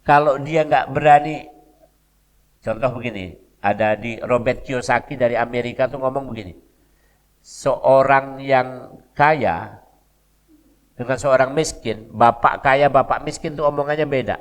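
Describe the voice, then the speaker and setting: An older man with a Palembang Malay accent giving a mosque lecture, telling stories in a relaxed conversational way with dialect asides. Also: mid-range voice, unhurried, long pauses. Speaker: preacher. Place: mosque hall. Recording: long reverb of a mosque hall.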